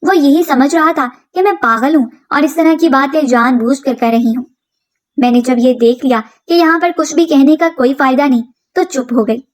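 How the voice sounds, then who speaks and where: High-voiced woman narrating a story. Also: normal speed. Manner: earnest, dramatic storytelling. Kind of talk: scripted first-person story narration.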